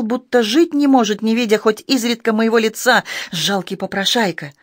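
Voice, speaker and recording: A man's voice: no room sound, studio quality, lightly acted. Man voicing a spiteful young courtesan. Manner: shrill, scornful outbursts. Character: haughty young female courtesan, venomous and proud.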